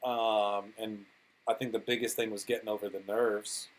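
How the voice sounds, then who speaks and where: A man's voice: lowish voice, little pitch movement, moderate pace, rough recording. A man talking casually as a podcast guest, a DJ and producer who rambles through stories and swears freely. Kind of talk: casual interview chat.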